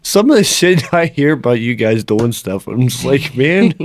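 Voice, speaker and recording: A man's voice: mid-range voice, normal speed. A man hosting a podcast, casually telling stories, laughing often and acting out what people said. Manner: animated storyteller, laughs often, acts out quotes. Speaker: podcast host, haunt actor.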